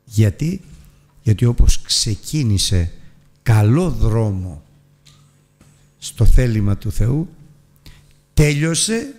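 A man's voice: on the low side, gravelly, dark tone. A man teaching a Bible lesson, retelling a scripture story earnestly and addressing his listeners as brothers. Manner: earnest storytelling with emphatic rises and drops.

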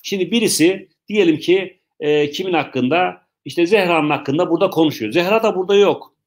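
A high-pitched man teaches English in a live web lesson. He lays things out slowly, says them again, and has fun with the questions his viewers ask.

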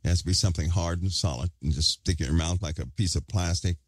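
A very low-pitched man preaches an online sermon, pressing his points with repeated phrases. He talks around a hard object held in his mouth. The recording is dry and close, with no room sound. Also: fast talker, slightly rough, dry recording. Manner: emphatic, repeats phrases for stress.

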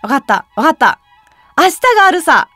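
Lively high-voiced giggly woman. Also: a little fast, over loud music. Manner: lively, giggly, reads trivia then reacts. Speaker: web radio host. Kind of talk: casual quiz chat and reading aloud.

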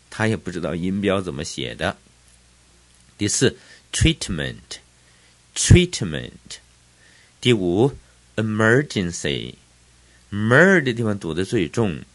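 A man's voice: low-pitched, no echo. A man teaching English vocabulary pronunciation, repeating each word and explaining where the stress falls.

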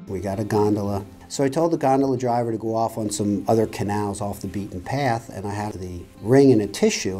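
A middle-aged man in an interview for a wedding video, telling stories in a warm, reflective way. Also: lowish voice. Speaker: groom. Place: small office, indoors. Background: soft guitar music.

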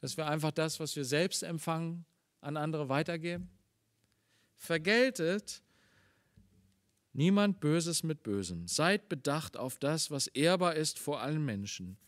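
A man preaching a Sunday morning sermon in German, reading scripture slowly and explaining it with earnest emphasis. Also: a little high, dry recording, clean studio sound. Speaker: pastor.

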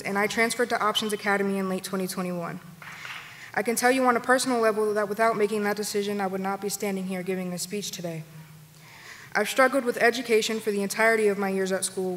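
A young woman graduate giving a prepared graduation speech at a podium, earnest and reading from notes. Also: mid-range voice. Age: young adult. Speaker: graduating student speaker. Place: large auditorium stage. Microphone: podium microphones. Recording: long hall reverb, faint background noise.

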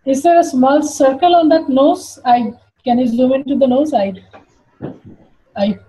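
A woman's voice: sits high, unhurried, mellow, slight background noise, rough recording. A woman in an art meetup, asking hesitant, curious questions about a drawing. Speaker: meetup participant. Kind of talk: casual discussion.

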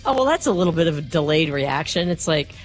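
A woman's voice: low-pitched, sing-song, fast talker, soft background music. A middle-aged American woman co-hosting a radio show in casual, bantering chat on a close microphone. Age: middle-aged or older. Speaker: radio talk show co-host. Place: radio show, indoor studio. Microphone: close microphone with headset.

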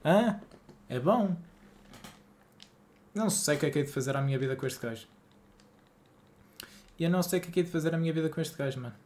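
A man's voice: fairly high pitch, expressive, a little fast, long pauses, a little mellow. A young man from Portugal with a northern Porto accent, streaming a game live and chatting casually with viewers in slangy, exasperated banter. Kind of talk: live-stream gaming chat. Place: home streaming room.

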